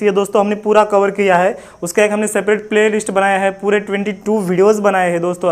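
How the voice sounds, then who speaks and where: An Indian man teaching a physics lesson, mixing English into Hindi and asking questions that he answers himself. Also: sits high. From Maharashtra, India. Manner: addresses students as friends, mixes English into Hindi, asks and answers himself.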